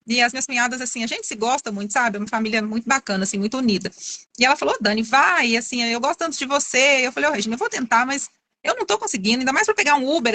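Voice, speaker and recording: A middle-aged woman tells a long story in a high, bright voice and talks quickly. She is chatty and keeps restarting her phrases. The sound is dry and close, as on a video call. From Minas Gerais, Brazil. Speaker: course student giving a testimonial. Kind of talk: casual testimonial on a live video call.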